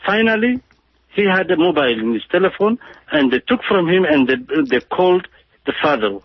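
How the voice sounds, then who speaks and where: Male political commentator, fairly high and husky, halting and emphatic with many restarts, dry lo-fi radio sound. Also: very animated, no room sound.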